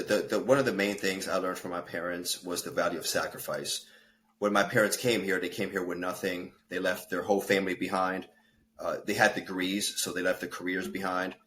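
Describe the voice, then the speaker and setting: A Peruvian-born man in his thirties, raised in the States, earnestly tells his story as a fitness and life coach guest on a casual podcast, using fillers and correcting himself. His voice is low-pitched and a bit bright, with a little hiss or hum in the recording.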